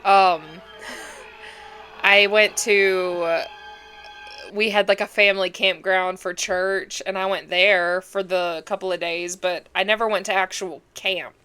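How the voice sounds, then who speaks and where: A hoarse, congested woman hosting a movie reaction, chatting casually and talking back at the screen with sass. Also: medium pitch, level tone, takes it slowly, pushed and bright, soft background music.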